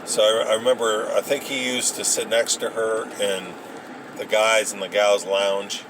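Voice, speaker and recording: A man casually rambling through old memories, halting and hesitant as he searches for details. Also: on the low side, little pitch movement. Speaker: vlogger recounting memories. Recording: noisy, with vehicle and ambient sound.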